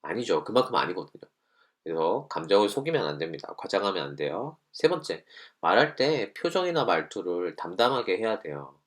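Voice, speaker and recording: A male teacher's voice, fairly low and lively, moving through a lesson step by step. He acts out little example lines now and then. The recording itself sounds plain and close. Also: brisk. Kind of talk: online class lesson.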